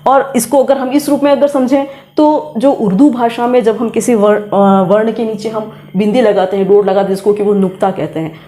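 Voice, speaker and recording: A middle-aged woman teaches grammar in a classroom lesson, patiently explaining pronunciation and repeating sounds aloud to demonstrate. Her mid-range voice is steady and warm, moving at a normal speed with few pauses.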